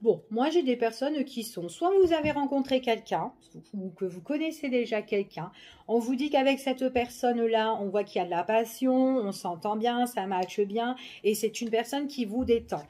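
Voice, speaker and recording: A woman's voice: a little high, normal speed, mellow. A woman giving a casual general tarot reading, chatty and full of fillers, often checking in with the listener. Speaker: tarot card reader.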